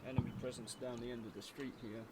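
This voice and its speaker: A man's voice: medium pitch, flat delivery, quick pace. A man giving casual strategy game commentary, tentatively thinking aloud as he plays. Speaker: gameplay commentator. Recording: loud game noise behind voice.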